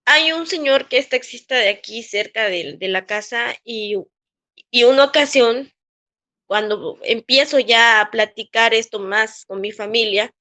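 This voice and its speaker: Pushed and bright, this woman's voice sits on the high side. Being interviewed, the Mexican woman relives a painful episode from her job in a Mexican Spanish accent, acting out quoted speech and restarting her sentences in halting, emotional testimony.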